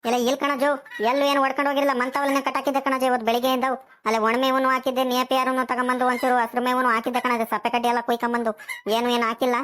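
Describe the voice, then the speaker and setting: A woman's voice: high voice, flat delivery, racing, a bit bright. A woman voicing a fussy, worried old village grandmother. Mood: fussing. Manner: coaxing, worried.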